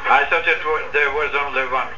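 A man's voice: medium pitch, steady tone, brisk. Guy translating on a hissy space radio loop, muffled and kinda far off, short clipped commands. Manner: clipped procedural radio talk with restarts. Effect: space-to-ground radio link. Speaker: interpreter on mission radio loop. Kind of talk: consecutive interpreting of spacewalk commands. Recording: muffled distant radio with hiss.

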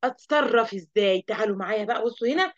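A woman with an Egyptian accent teaching an online lesson to young children, lively and asking the class questions she then answers. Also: on the high side, rapid-fire, dull audio. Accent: Egyptian Arabic. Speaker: primary school teacher.

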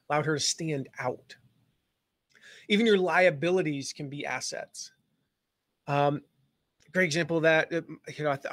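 This Southern U.S. man, an online business coach, runs a loose live-stream lesson full of jokes, filler words and false starts. His pitch is on the high side with a fairly bright tone, and the sound is clean studio audio without echo.

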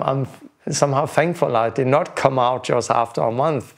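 A man's voice: mid-range voice, gravelly. A man in his forties with a Danish accent, a preacher giving an earnest testimony to camera, often repeating words as he restarts sentences indoors. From Denmark. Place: indoor home room.

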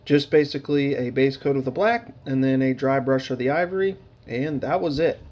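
A man's voice: medium pitch, normal speed, a little mellow. A man casually narrating his hobby painting footage, rambling with lots of fillers and dry, sarcastic humor.

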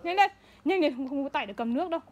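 High-voiced mother coaxing. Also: lively intonation, quick pace, heavy background noise. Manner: urgent, repetitive coaxing and scolding. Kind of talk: home video, coaxing a child. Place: home, indoors.

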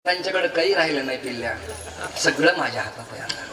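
A man voicing a tender mother who soothes her crying son in a soft, coaxing tone, recorded from a distance in an echoey hall. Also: a little high, expressive, quick pace, a crowd in the background, background noise, pitched below the performer's own voice, lightly acted. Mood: soothing. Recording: echoey hall, distant mic, faint ambience.

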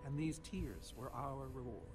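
A man's voice: mid-range voice, lively intonation, measured pace, lightly acted. An actor playing an eccentric older male hermit in a story game, speaking in a theatrical, cryptic manner over game music. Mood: grand.

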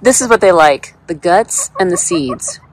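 A woman speaks at a measured pace with lively intonation while vlogging from her backyard chicken run, filming off screen on a handheld phone. Her first-person narration is chatty, and she addresses her hens in a high, playful voice.

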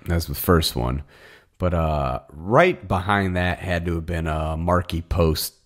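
A man with a very low, deep voice chats casually as a podcast co-host. He rambles through crude anecdotes, stopping and restarting with plenty of "uh" and "like" along the way. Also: slow pace. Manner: rambling, crude storytelling with many fillers. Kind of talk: casual chat.

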